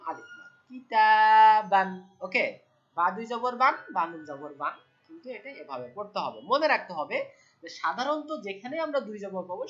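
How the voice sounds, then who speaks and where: A woman's voice: fairly high pitch, sharp tone, highs cut off. A woman teaching Quran reading step by step, patiently repeating each point and checking that the students follow. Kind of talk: step-by-step lesson.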